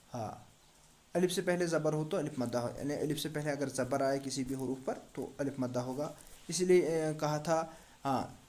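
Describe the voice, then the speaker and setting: A man's voice: fairly high pitch, darkish tone. Patient man teaching Quran recitation. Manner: patient, repeats letters and asks the class questions. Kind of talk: step-by-step tajweed lesson.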